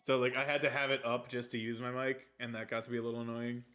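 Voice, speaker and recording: A man's voice: mid-range voice, little pitch movement, fast, fairly bright tone. A man hosting a let's play, chatting casually with friends, laughing often and swearing freely at a desk microphone. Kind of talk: casual gaming chat.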